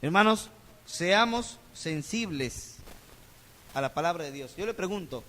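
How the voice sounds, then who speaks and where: Peruvian pastor guy preaching, highish voice, keeps asking the crowd questions, big echoey church. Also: lively intonation, unhurried, pushed and bright. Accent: Peruvian Spanish. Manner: preaching with rhetorical questions to the congregation. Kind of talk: sermon. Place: church sanctuary. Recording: church hall reverb.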